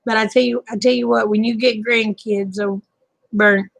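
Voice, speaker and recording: A woman's voice: on the high side, steady tone, moderate pace, creaky, no echo, low-quality recording. A woman in her fifties, hosting a live chat stream and talking casually with viewers in a folksy, talkative way, often chuckling. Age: 50s.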